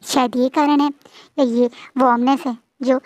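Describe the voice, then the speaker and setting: A woman's voice: high-pitched, level tone, moderate pace, a little mellow. A woman retelling a fan fiction story in a chatty, casual way, often restarting her words.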